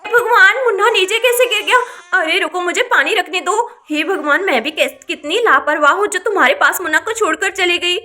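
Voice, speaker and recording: A woman doing an anxious young mother in a doll story, scolding, very high pitch. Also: brisk, hardly any pauses, bright, forceful tone. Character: worried young village mother scolding her sister.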